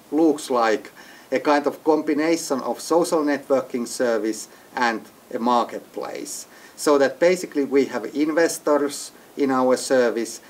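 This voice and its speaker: A man from Finland answers interview questions in careful, English. He hesitates often and restarts his sentences, speaking at a middle pitch. A faint noise hum sits behind him. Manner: hesitant, restarts often, non-native phrasing. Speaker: entrepreneur, interviewee. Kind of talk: business interview. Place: executive briefing center.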